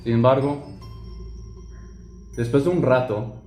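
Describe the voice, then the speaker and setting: A man's voice: mid-range voice, slow. A young man telling a horror story in a casual, conversational way, with fillers and asides. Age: young adult. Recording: roomy echo, soft music behind.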